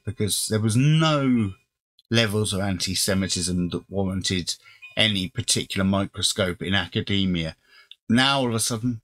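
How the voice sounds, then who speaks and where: Male host, lowish voice, unscripted opinion monologue with frequent restarts. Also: fairly bright tone.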